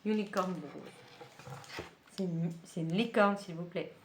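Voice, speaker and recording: A woman's voice: on the low side, a little slow, slight background noise. A woman book vlogger chatting casually at home while she unboxes a book subscription box, with many fillers and small laughs.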